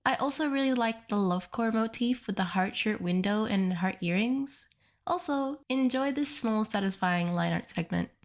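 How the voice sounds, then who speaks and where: A woman's voice: mid-range voice, normal speed. A young woman with a sick-sounding voice, narrating her art video in an earnest, upbeat voice-over. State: sick, stuffy voice. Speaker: art YouTuber. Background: soft background music.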